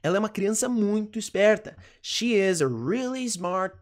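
An English teacher with a Brazilian Portuguese accent, giving a lesson and slowly repeating each phrase with frequent check-ins. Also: mid-range voice, lively intonation. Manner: slow careful repetition, frequent "ok?" check-ins. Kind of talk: online language lesson.

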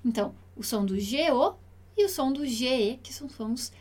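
A Brazilian woman with a high voice leads an online Italian lesson. She speaks patiently and clearly, slowing down to repeat each word for pronunciation. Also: animated, darkish tone. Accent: Brazilian Portuguese. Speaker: Italian teacher.

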